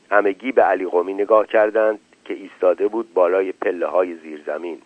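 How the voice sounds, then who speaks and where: A man's voice: fairly low pitch, no room sound. A man reading a story aloud as a scripted narration, giving the characters' lines with small shifts of his voice. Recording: tinny phone-like dry recording.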